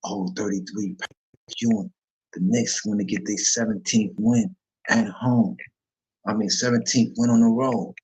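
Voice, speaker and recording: Low-voiced man rambling about sports picks. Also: fairly even intonation, unhurried, a little mellow. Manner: rambling, slangy, corrects himself often. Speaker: sports betting podcast host. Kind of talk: casual solo sports talk, reading chat. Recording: dull lo-fi recording.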